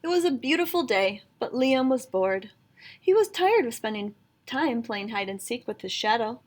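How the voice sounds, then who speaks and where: With a voice on the high side and a moderate pace, a woman narrates a children's picture book expressively.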